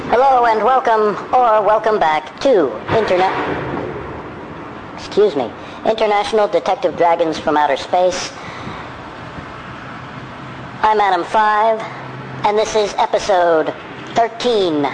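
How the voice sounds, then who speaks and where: A podcast host's voice sped up into a high, squeaky chipmunk pitch, belonging to a man who rambles and keeps correcting himself. Steady noise from traffic and the street sits under the whole recording. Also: low-quality recording. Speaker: podcast host. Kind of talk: casual podcast monologue.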